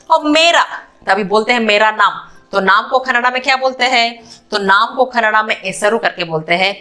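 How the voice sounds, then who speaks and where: A woman teaching a beginner language lesson, repeating each word slowly several times. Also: medium pitch, sharp tone. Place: room with a whiteboard.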